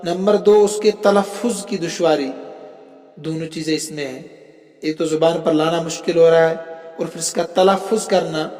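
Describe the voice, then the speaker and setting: A man's voice: fairly high pitch, darkish tone. A male religious scholar giving a classroom lecture, explaining step by step and often asking the students whether they follow. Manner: explains step by step, often checks understanding with questions. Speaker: religious scholar teaching Arabic rhetoric. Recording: echoey room with long reverb, faint music.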